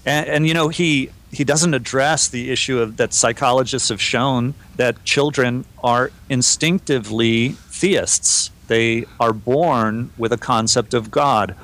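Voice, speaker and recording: A man co-hosting a podcast, chatting in a relaxed way and reading listener emails aloud. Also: mid-range voice, unhurried, hardly any pauses. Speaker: podcast co-host. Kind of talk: casual podcast discussion.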